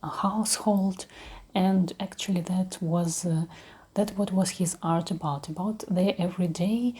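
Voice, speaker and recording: Soft voice, breathy half-whisper, woman, Russian accent, mellow and lowish, gentle hesitant ASMR talk. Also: steady tone, a little slow. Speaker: ASMR creator.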